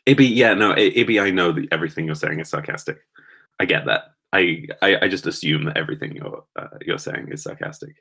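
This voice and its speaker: Male streamer, low voice, jittery, self-deprecating casual chat with viewers. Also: fairly quick, creaky, sharp tone, slightly rough. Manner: nervous, rambling, self-deprecating. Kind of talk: casual chat reading live comments.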